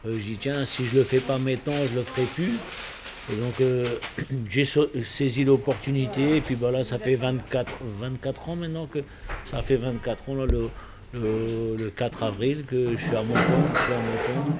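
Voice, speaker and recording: In a noisy bar, a Portuguese-born man in his sixties whose first language is Portuguese reflects on his life during an interview. His medium-pitched voice has fairly even intonation, and he speaks hesitantly, halting and restarting as he casually recalls the past.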